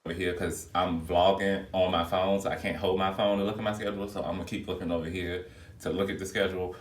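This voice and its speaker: A man's voice: low-pitched, flat delivery, fast. A man who works as a flight attendant, chatting casually and expressively to his viewers, recorded on a phone video. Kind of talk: casual vlog chat to viewers. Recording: echoey room, phone mic held back at a distance.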